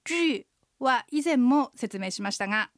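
Higher-voiced woman hosting a radio lesson. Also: animated, measured pace. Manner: patient, clear explaining, frequent "hai". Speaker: radio language-lesson host. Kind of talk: explaining phrases in a radio lesson.

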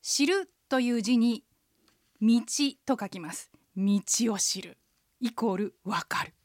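A woman in her forties hosting a radio language lesson, explaining pronunciation slowly and carefully. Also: on the high side, a little mellow, dry recording, studio quality.

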